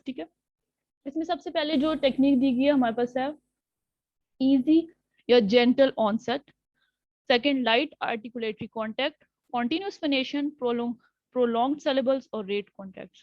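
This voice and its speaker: A woman's voice: high voice, moderate pace, dry recording, muffled recording. A woman speech pathologist giving a webinar lecture, explaining step by step with frequent fillers and checks for understanding, mixing in English terms.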